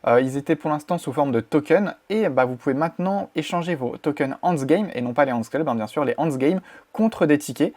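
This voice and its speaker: A man's voice: fairly high pitch, fairly quick, a little mellow. A man presenting a casual news vlog in a chatty way, with plenty of fillers and restarts. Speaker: crypto YouTuber.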